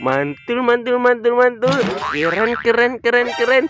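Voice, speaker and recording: An excited presenter of children's toy videos, exclaiming and repeating catchphrases to young viewers like a party magician. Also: mid-range voice, measured pace. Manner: exclamatory, repetitive, like a kids' party magician counting and chanting for children. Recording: music behind the voice.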